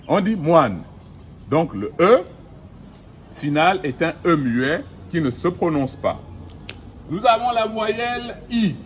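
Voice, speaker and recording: A middle-aged man giving a recorded language lesson outdoors, speaking slowly and deliberately and repeating each vowel and example word. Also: high voice, slightly rough. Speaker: language teacher. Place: outdoors in the sun.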